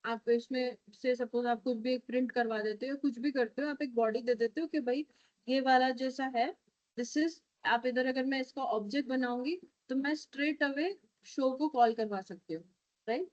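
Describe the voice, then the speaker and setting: Her voice is high-pitched with a darkish tone, and she speaks at normal speed while teaching a programming class and coding live. She has an Indian accent, switches between Hindi and English, and coaxes her students with frequent checks. The recording is muffled, with no echo.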